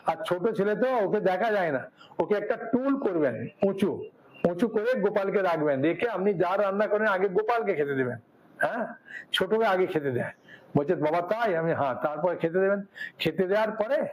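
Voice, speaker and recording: A monk preaching a devotional sermon, telling a story and acting out its dialogue in a folksy way. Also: male voice, a little high, poor audio. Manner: folksy, acts out dialogue, frequent "হ্যাঁ".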